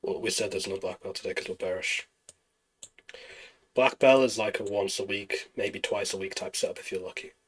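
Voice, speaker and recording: A man streaming live trading, talking through charts and answering chat questions in a relaxed, explanatory way. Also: low-pitched, normal speed, breathy edge, poor audio. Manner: relaxed, explanatory, thinking aloud over charts.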